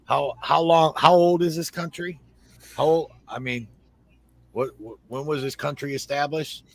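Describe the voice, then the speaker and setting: A man's voice: a little high, fairly even intonation, a little slow, vocal fry. Blunt, swearing man from Ohio. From Toledo, Ohio, USA. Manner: blunt and profane, many fillers. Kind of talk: casual group chat.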